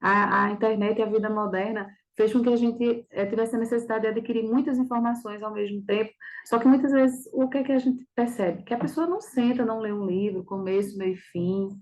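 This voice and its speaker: Woman teacher, fairly high voice, didactic, checks in with listeners, exam review lesson. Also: fairly even intonation, a little fast, darkish tone, poor audio. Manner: didactic, with frequent checking questions. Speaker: Portuguese teacher.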